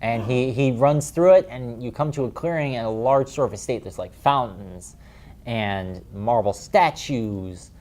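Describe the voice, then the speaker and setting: A man's voice: mid-range voice, a little slow, darkish tone. A man narrating a tabletop game as game master, describing scenes in a rambling way with many fillers.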